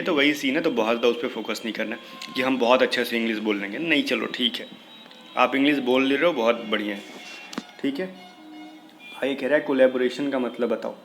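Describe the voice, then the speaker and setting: A man's voice: medium pitch, fairly bright tone, a little hiss or hum, low-quality recording. A man teaching English vocabulary for an exam, explaining in a casual way and spelling words out letter by letter. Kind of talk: exam-prep vocabulary lesson.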